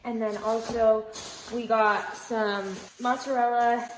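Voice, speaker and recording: A slow, easygoing woman with a fairly high voice, rambling through a cooking vlog at home. She thinks out loud as she goes. The kitchen is echoey, with a faint hiss underneath. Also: flat delivery. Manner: chatty and rambling, thinking aloud as she works. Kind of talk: casual cooking vlog chat.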